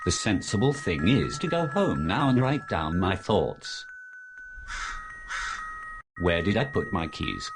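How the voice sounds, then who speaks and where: A man's voice: deep voice, big pitch swings, slow pace, pauses often, music in the background, heavily acted. A man playing an absent-minded, brooding professor turning zombie, musing to himself in a scripted comic horror drama.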